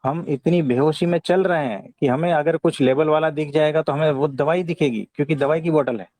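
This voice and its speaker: A man with an Indian accent giving a conversational spiritual discourse, teaching in a calm, gentle way and often checking for agreement. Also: fairly high pitch, a little fast, no room sound. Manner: didactic, often seeks agreement with short tag questions. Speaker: spiritual teacher answering devotees' questions.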